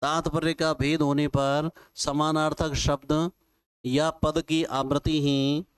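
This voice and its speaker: Slow-dictating teacher, clear voice. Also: male voice, fairly high pitch, flat delivery, no room sound, clean studio sound. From Rajasthan, India. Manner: slow, repetitive dictation with folksy examples. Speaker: Sanskrit teacher. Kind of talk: classroom lecture, dictating notes.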